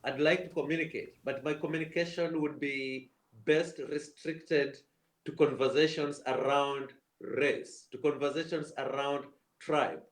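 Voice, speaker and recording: A man's voice: a little high, fairly even intonation, unhurried, echoey room. A man from Kenya, a theatre producer, speaking earnestly on a video call panel and repeating words as he searches for phrasing. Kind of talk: panel discussion.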